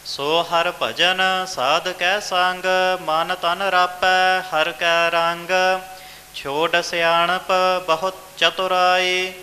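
A high, bright male voice chants verses at a very slow, even pace. The delivery is measured and sing-song, with little rise and fall. Long hall reverb hangs on each phrase, and soft music sits underneath. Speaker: scripture reciter. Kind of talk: slow chanted scripture recitation.

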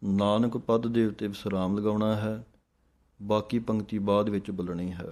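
A male recitation teacher with a low, mellow voice leads a calm lesson. He chants each verse at an unhurried pace, then patiently explains where to pause. His delivery stays flat and steady throughout.

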